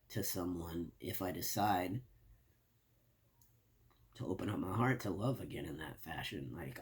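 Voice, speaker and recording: A man telling a personal story in a vlog, speaking softly in a halting, reflective way. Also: lowish voice. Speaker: vlogger.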